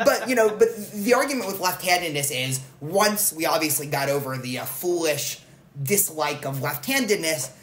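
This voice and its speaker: A man's voice: a little high, expressive, moderate pace, a bit bright. Rambling man hosting, roomy echo. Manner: rambling, self-correcting, with frequent fillers. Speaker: podcast host. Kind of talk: casual conversational interview. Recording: roomy echo, faint noise.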